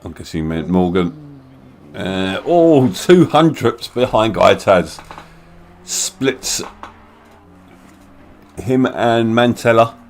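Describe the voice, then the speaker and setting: Brief: low-pitched man, laid-back sim race commentary, faint hiss behind. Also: expressive, slow pace, pauses often, darkish tone. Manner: chatty, laughs often, jokey asides. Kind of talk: casual live race commentary.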